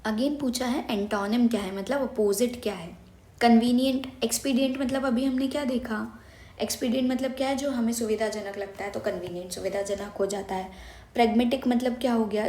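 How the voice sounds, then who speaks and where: In a roomy-sounding space, a woman with a fairly high, mellow voice runs an exam-prep vocabulary lesson in mixed Hindi and English. She explains each point in order, asking herself questions and then supplying the answers.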